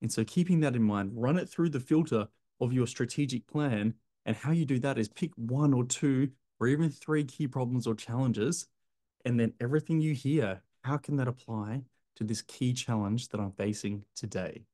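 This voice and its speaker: A man in his thirties coaching clinic owners straight into the camera, punchy and emphatic, hands moving as he talks. His voice sits at a middle pitch with a dark, mellow tone. He is recorded close up in a bright room at home. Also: moderate pace. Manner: energetic and emphatic, gestures a lot, addresses viewer as "my friend". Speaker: clinic business coach, video host. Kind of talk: direct-to-camera advice talk. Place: bright indoor apartment room by large windows.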